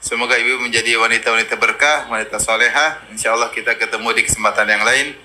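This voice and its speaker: A man's voice: mid-range voice, fast, a little hiss or hum. A man giving a religious lecture, telling stories with energy and reciting Arabic verses. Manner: lively storytelling, quoting Arabic verses. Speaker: preacher.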